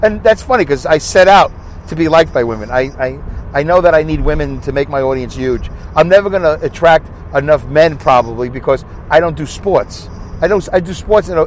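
This fairly high-pitched Brooklyn man speaks at a moderate pace, hosting a rambling podcast by himself while driving on a highway. He's chatty, self-mocking, and asks himself rhetorical questions. The recording is low quality, with faint car and road noise.

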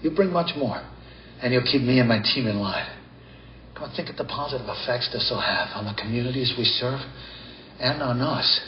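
An actor playing a cocky, blunt wealthy financier in a TV drama, heard through a roomy, dull soundtrack. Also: male voice, mid-range voice, moderate pace, noisy background, natural voice. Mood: persuasive. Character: confident wealthy male financier.

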